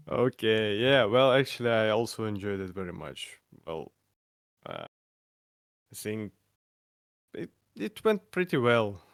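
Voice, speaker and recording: A man from Ukraine with a strong Ukrainian accent, a guest singer chatting on a stream, hesitant and halting, often laughing. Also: on the low side, wildly swooping pitch, gravelly, clear, resonant tone, dry recording, clean studio sound. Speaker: guest vocalist. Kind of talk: casual chat on a stream.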